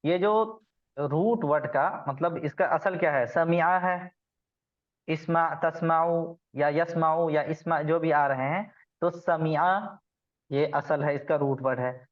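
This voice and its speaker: A man leads an online grammar lesson, patient and methodical as he quizzes his students. His voice sits a little high. The sound is muffled, like a lo-fi call. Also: slow. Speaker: Arabic grammar teacher.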